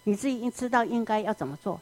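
A woman preaching in an animated storytelling manner, often asking the listeners questions. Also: fairly high pitch, fast talker. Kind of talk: sermon.

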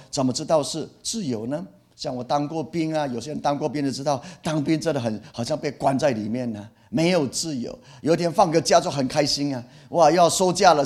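A middle-aged male pastor preaching in a mid-pitched voice. He is animated and expressive, repeating key phrases for emphasis and voicing feelings through exclamations. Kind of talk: sermon.

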